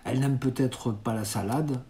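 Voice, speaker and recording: A man reading aloud, voicing a cautious, reassuring young boy in a calm, measured tone. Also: medium pitch, a little hiss or hum, natural voice.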